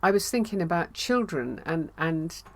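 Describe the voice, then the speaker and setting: Co-host, female, lowish voice, reflective and easygoing. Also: animated, moderate pace. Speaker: podcast co-host. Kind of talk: casual chat.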